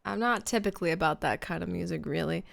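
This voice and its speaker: A young woman with a lowish, creaky voice chats quickly with her stream audience, naming viewers as she goes. The casual talk rambles, packed with fillers and restarts.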